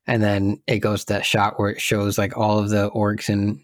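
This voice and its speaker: A man's voice: on the low side, monotone, moderate pace, no echo, clean studio sound. A man co-hosting a podcast, chatting casually about a film and thinking aloud as he searches for details. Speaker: podcast co-host.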